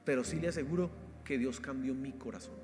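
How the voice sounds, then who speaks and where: A Colombian man preaching a sermon as pastor, exhorting his listeners as "hermano" and swinging between loud emphasis and quiet asides. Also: medium pitch, a little fast. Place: church hall. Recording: live church stream with reverb and faint music.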